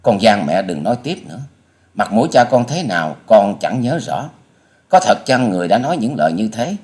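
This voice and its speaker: A man voicing a young female martial artist, tearful and shrill as she cries out in grief and anger. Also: animated, normal speed, lightly acted. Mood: defiant.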